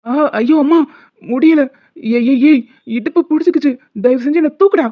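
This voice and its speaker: A woman's voice: high-pitched, a little fast, natural voice. A woman voicing a bickering young husband who begs and threatens to be pulled up off a broken bed, in a tinny phone-like recording. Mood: pleading. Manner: pleading and cocky by turns, threatening.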